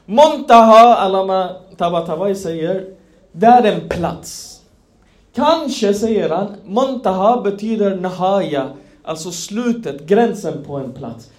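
A man's voice: sits high, a little mellow. A man giving a religious lecture, explaining terms and asking his listeners questions. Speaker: Islamic preacher. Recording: echoey room.

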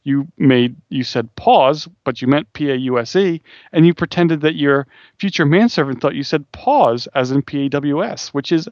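A man's voice: a little high, normal speed, hardly any pauses, darkish tone, dry recording, lo-fi sound. A man co-hosting a podcast, casually chatting about music with dry, mock-serious teasing. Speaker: podcast co-host.

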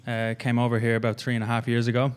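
A young gym coach from Ireland tells his story in a casual interview, halting and rambling with plenty of fillers. His Irish-accented voice is medium-pitched and monotone.

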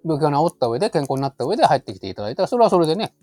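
Male expert, polite explanatory talk, animated intonation, brisk pace, softened by tentative phrasing. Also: a little high, no room sound. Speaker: expert guest, labor consultant. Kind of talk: conversational advice. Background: faint music.

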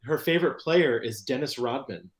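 A man co-hosting a casual sports podcast, talking in a hesitant, halting way. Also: mid-range voice, lively intonation. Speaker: podcast co-host.

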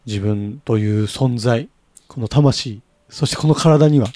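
A man's voice: medium pitch, measured pace, dark tone, no room sound. A man hosting a casual podcast, polite and agreeable, often chiming in. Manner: agreeable, polite, frequent interjections. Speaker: podcast host.

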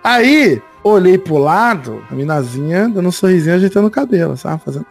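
A man on a podcast panel telling a story in casual chat, relaxed and slangy, poking fun at himself. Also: sits high, a little fast, vocal fry, husky, soft background music. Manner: relaxed, slangy, self-mocking.

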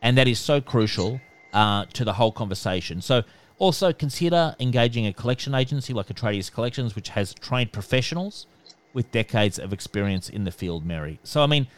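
Nasal man giving calm advice. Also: mid-range voice, a little fast. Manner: calm, instructive, repeats "okay". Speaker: debt collection expert. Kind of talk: podcast interview answers.

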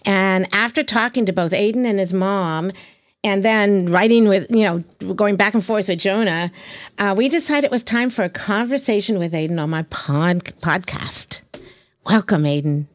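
Woman podcast host, excited and chatty, laughs a lot, medium pitch. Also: moderate pace. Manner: enthusiastic, chatty, laughs often. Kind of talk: casual interview.

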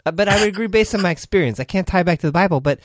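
A man's voice: sits high, lively intonation, very fast, dry recording, clean studio sound. A man co-hosting a podcast, jumping in eagerly to argue a point in a casual book discussion. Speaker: podcast co-host.

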